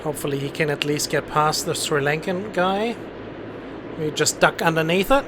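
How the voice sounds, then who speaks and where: A man with a fairly high-pitched voice hosts a live game stream. He talks casually as commentator and air traffic controller. Faint noise sits behind his voice. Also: fairly even intonation, normal speed.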